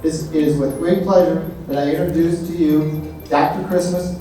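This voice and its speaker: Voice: mid-range voice, fairly even intonation, normal speed, mellow, a little hiss or hum. Echoey distant announcer at an event. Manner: ceremonial, formal. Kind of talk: formal public introduction.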